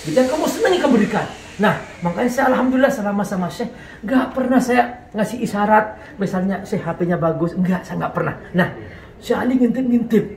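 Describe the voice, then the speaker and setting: A man telling heartfelt stories as a guest, animated, his voice rising high when he is moved. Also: fairly quick, creaky, hardly any pauses, distant mic. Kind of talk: emotional storytelling. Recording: echoey room, off the mic.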